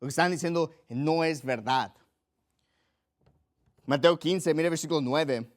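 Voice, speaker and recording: A man's voice: on the high side, measured pace. A man preaching a sermon in an earnest, emphatic way, repeating his key phrases. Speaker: pastor.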